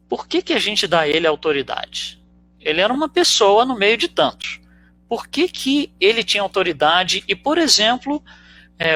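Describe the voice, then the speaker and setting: A Brazilian-accented man teaches in a relaxed lecture, posing rhetorical questions as he goes. His voice sits high and swings widely in pitch, with a bright, forward tone. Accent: Brazilian Portuguese. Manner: explains with rhetorical questions and frequent "né". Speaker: spiritist lecturer. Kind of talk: conversational teaching talk.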